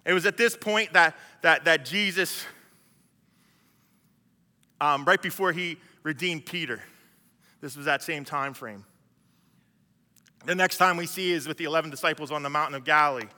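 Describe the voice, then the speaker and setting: A man preaching a conversational sermon in a church, with a high voice and a very bright, forceful tone. He retells the scenes of scripture in an easy, chatty way and often restarts his phrases. The sound rings with a long reverb from the hall. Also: normal speed, pauses often. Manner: conversational, acts out biblical scenes, many restarts. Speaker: pastor.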